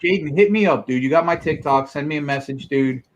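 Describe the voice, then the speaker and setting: A man's voice: on the high side, brisk, dull audio. A man hosting a casual online chat, teasing his friends in a joking, boastful way. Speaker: podcast host.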